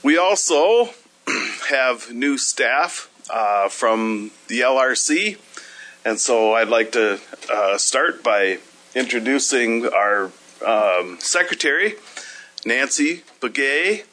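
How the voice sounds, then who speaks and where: In a hearing room, a man chairs a legislative committee hearing, speaking into a desk microphone with an easygoing, folksy manner and many filler pauses. His mid-range voice is bright and forceful, with lively intonation.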